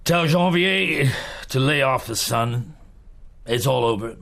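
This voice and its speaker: A man in a radio drama takes on the role of a canny, unrelenting middle-aged detective boss, asking questions carefully and pausing often. His husky, gravelly voice is mid-range and a bit bright, with some hiss or hum in the recording; he comes across probing and commanding.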